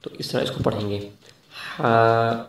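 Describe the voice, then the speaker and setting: A man teaching Quran pronunciation, explaining each letter and drawing out the sounds slowly and carefully. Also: medium pitch, steady tone, gravelly, a little mellow. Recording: echoey room, distant from mic.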